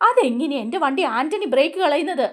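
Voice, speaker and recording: A woman's voice: high-pitched, expressive, quick pace. A woman voicing a stern, scolding man from a TV serial who demands answers. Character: stern older brother figure, scolding.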